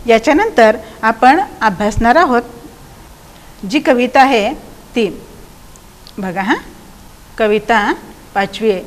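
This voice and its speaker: A woman teacher with a Marathi accent and a high voice gives a lesson to schoolchildren. She explains patiently, keeps asking the class questions and recites lines of verse slowly and with care. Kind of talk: recorded classroom lesson explaining a poem to children.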